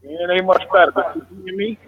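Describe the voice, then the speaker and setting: Male caller, tinny phone line, slightly high and husky, casual and plain-spoken. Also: steady tone, quick pace, no echo. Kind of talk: call-in question to a live show.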